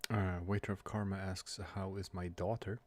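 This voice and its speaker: A man chatting casually on a livestream from home, talking quietly but clearly, soft and halting as if others are asleep nearby. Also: low-pitched, level tone, slight background noise. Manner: quiet but clear, soft late-night talking to avoid waking a child; halting, hesitant. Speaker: livestream host. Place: room at home.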